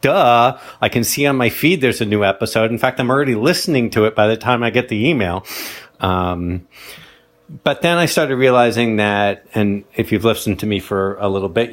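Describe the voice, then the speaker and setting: A man with an American accent leaving a casual, chatty voicemail as a listener calling in with feedback. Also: lowish voice. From Connecticut, United States.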